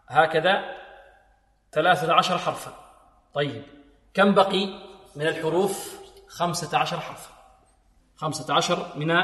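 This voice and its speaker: Echoey Quran teacher quizzing a class. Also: male voice, fairly high pitch, a bit bright. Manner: questions the class and answers himself, chants verses slowly. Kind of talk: tajweed lesson with recited examples. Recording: echoey hall, voice a bit distant.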